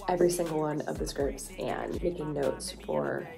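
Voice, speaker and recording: Her deep, gravelly voice is very animated at a moderate pace as this young adult woman, an audio drama writer and producer, shares producer updates in a casual vlog at home. The indoor recording has background music and a roomy echo.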